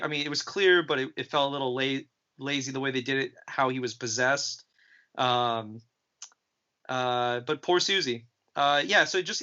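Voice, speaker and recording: A man's voice: mid-range voice, sharp tone. A man co-hosting a film podcast, talking casually with lots of ums and restarts. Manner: hesitant, many ums and restarts. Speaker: podcast co-host. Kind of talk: casual film review chat. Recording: dull lo-fi podcast audio.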